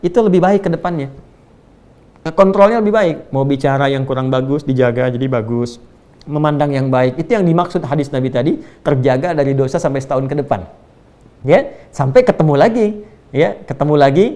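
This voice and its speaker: A preacher with a slightly high voice talks through a religious lesson in an easy, conversational way. He keeps checking in with his listeners and asks rhetorical questions. He breaks into recited Arabic verses now and then. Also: darkish tone. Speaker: Islamic preacher. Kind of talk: sermon-style religious lecture.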